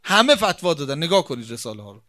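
A male preacher with a high, bright voice delivers a religious sermon. He leans hard on repetition and rhetorical questions, and his volume swings from hushed asides to forceful stresses. His delivery stays emphatic and insistent throughout. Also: big pitch swings. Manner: emphatic, repeats key phrases, rhetorical questions.

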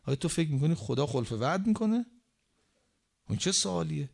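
Guy giving a sermon, kinda high voice, keeps asking the crowd questions, slows way down for scripture then punches words hard. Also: sing-song, gravelly. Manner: rhetorical questions, recites Arabic scripture slowly; emphatic swings in pitch and loudness. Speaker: preacher.

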